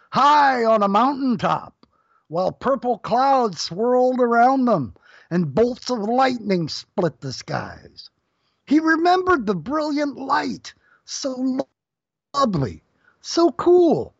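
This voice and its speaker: A storyteller giving an expressive, lilting reading of a storybook. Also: mid-range voice, breathy edge, no room sound. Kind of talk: storybook narration. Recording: dull lo-fi dry recording.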